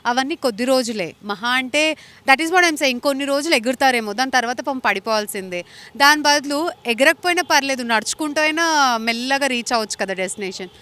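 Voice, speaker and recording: A woman's voice: high-pitched, expressive, fairly quick, bright, forceful tone. A young woman from India answering interview questions earnestly and mixing English phrases into her speech. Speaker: actress interviewee.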